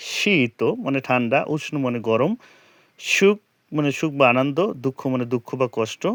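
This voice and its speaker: A man teaching how to pronounce and understand a scripture verse, chanting it slowly syllable by syllable and putting rhetorical questions to the listener. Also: medium pitch, animated, fairly bright tone, no room sound, studio quality. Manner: slow and careful, chanting verse lines syllable by syllable. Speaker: Gita teacher. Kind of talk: explaining scripture pronunciation and meaning.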